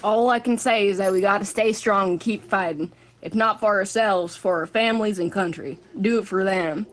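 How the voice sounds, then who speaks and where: A woman's voice: medium pitch, moderate pace, close to an everyday voice. A woman playing an earnest, folksy navy soldier giving a grave 1940s war broadcast interview. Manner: folksy, earnest, polite military address. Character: grave, devout, patriotic World War Two navy soldier.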